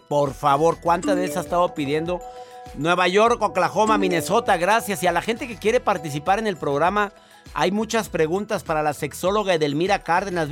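A man hosting a call-in radio show, teasing callers with quick, joking interjections. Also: high-pitched, fairly bright tone.

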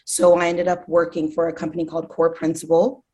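Guesting in a relaxed interview, an artist manager from Zimbabwe in her thirties talks with enthusiasm and plenty of fillers. Her voice sits on the low side, a little fast and dark-toned, with an entirely flat delivery.

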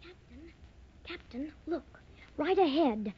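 A woman's voice: high voice, expressive, slow pace. A woman playing an eager, plucky young cabin boy in an old radio adventure. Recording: dull lo-fi old radio recording.

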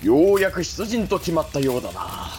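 抑揚の強い血気盛んな武者. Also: male voice, on the high side, very animated, normal speed. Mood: eager. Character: eager, excitable samurai warrior in camp. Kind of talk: period audio drama acting. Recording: loud battle-camp noise with horses.

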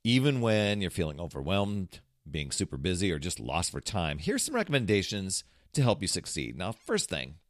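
Male podcast host, deep-ish, animated motivational coach delivery, dry booth sound. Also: normal speed, no room sound. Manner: energetic, pitchy, salesy sign-offs. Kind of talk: upbeat motivational podcast monologue.

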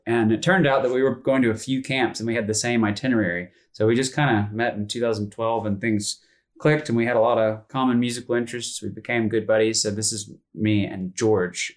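A man in his thirties from North Carolina, a musician telling his story in a casual interview, relaxed and rambling with frequent fillers and restarts. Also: medium pitch. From North Carolina, USA. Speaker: musician guest.

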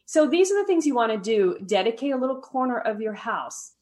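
A woman with a fairly high, sing-song voice and a darkish tone speaks fairly quickly as a podcast guest. She explains her meditation habits in a friendly way, often tagging "right?" and laughing lightly.

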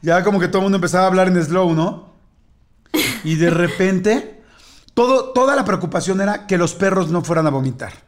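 A man with a Mexican Spanish accent, a podcast host telling a family story in casual chat, acting out voices with shouts and laughter. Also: high-pitched, expressive, fast.

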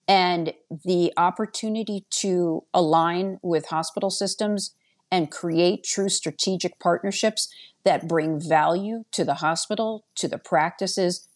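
A woman's voice: lowish voice, a little mellow. A woman giving earnest, plainspoken interview answers as a podcast guest. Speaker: podcast guest, healthcare business executive.

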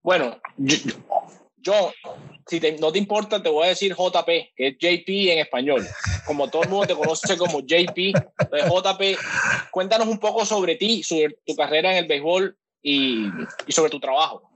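Higher-voiced man hosting a podcast. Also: moderate pace, fairly bright tone, a little hiss or hum, low-quality recording. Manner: smooth, scripted host introductions and questions. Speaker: podcast host. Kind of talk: podcast interview.

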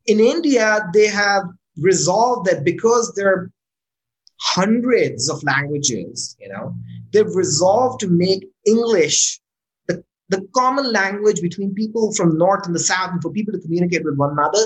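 This casual interview features a Pakistani startup founder whose animated, expressive voice moves widely in pitch. Speaking at normal speed over poor audio, the speaker often restarts words and uses "right?" to keep the listener along.

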